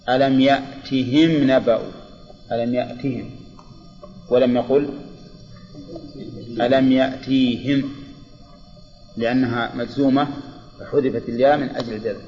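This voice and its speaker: A man, a religious scholar giving a classroom grammar lecture, deliberately repeating examples and quizzing his students. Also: mid-range voice, a little mellow. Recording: lo-fi reverberant hall recording with faint music.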